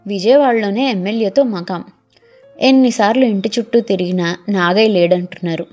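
A woman narrating an audiobook story in a steady storytelling manner. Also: mid-range voice. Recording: muffled lo-fi, faint music.

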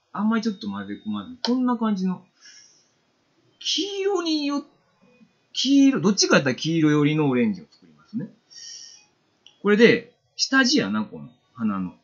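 A man's voice: mid-range voice, a bit bright, lo-fi sound. A man with a Kansai accent giving a casual, chatty watercolor painting demo on a live stream, reading viewer comments aloud.

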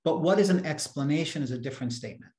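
A man's voice: fairly high pitch, lively intonation, rapid-fire, a little mellow. Guy on a video call in an echoey room, emphatic, keeps restarting sentences. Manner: emphatic, repeats words when starting sentences. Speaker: seminar speaker. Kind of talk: academic Q&A discussion.

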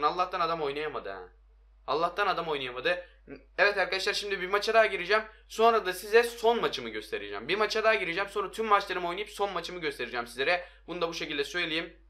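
A young man giving excitable, hoarse-voiced commentary on his own mobile football game, talking to his viewers and shouting at his players. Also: fairly high pitch. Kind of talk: live gameplay commentary.

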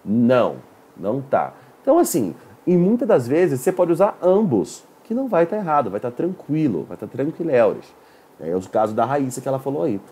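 A Brazilian man with a Brazilian Portuguese accent, teaching a live online English lesson in a chatty, animated way. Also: mid-range voice, moderate pace, husky. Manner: lively, animated, chatty with viewers.

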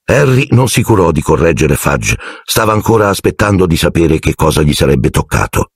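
A man narrating an audiobook in an expressive storytelling manner. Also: low voice, moderate pace, slightly rough, no room sound, clean studio sound.

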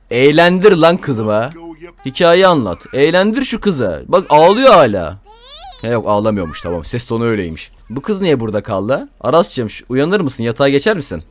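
A young man giving casual, crude, joking commentary while playing a game, talking to viewers and to the characters. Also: mid-range voice. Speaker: gameplay commentator.

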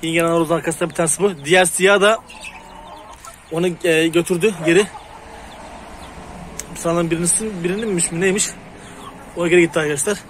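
A man's voice: a little high, fairly even intonation, fast, long pauses, a bit bright. Chatty man filming his poultry outdoors. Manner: chatty, talks to viewers and calls to the animals. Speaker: hobby farm vlogger. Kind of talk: casual outdoor vlog. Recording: noisy outdoor farmyard recording. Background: chickens, roosters and birds.

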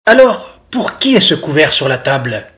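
A reader voicing a stern goat father in a storybook, gruff and grumbling. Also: mid-range voice, big pitch swings, moderate pace, a bit bright.

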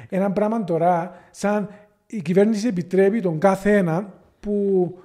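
Cypriot guy on a podcast, pretty high voice but mellow, earnest and fired up. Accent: Cypriot Greek. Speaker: guest. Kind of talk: casual podcast conversation.

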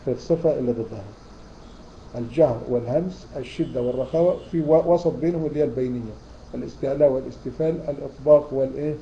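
A man with an Egyptian accent gives a tajweed lesson at a quick clip in a very dark, mellow voice. He keeps prompting his listeners with questions and repeats the key terms. The recording is muffled and lo-fi, with a faint hiss behind him. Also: medium pitch. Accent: Egyptian Arabic. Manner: explains in a questioning, repeating style. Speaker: Quran recitation teacher. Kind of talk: online tajweed lecture.

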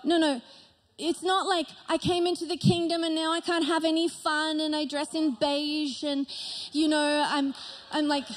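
A woman's voice: sits high, level tone, moderate pace. A middle-aged woman pastor preaching an emphatic sermon on a large church stage into a handheld microphone.

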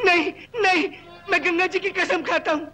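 A simple, kind-hearted young man speaks earnestly and with feeling. His voice sits very high and rings bright, a 1960s film drama performance. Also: steady tone, normal speed, poor audio. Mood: frantic.

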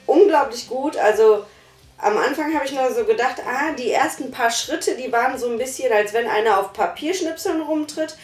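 Sitting on a couch in a small living room, a woman with a high, slightly mellow voice reviews something in a casual, enthusiastic chat at a moderate pace. A distant camera mic captures her, so the sound is roomy, with faint music in the background.

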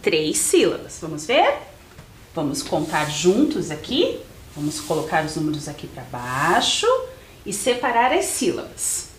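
Slow, lively Brazilian teacher woman. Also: low-pitched, a little hiss or hum. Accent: Brazilian Portuguese. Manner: spells out letters and counts syllables slowly, addressing pupils. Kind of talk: slow, clear literacy lesson for young children.

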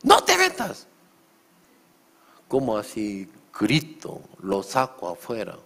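Slow, low-voiced pastor preaching. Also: male voice, gravelly. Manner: acts out shouting quotes, asks the congregation questions. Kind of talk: sermon.

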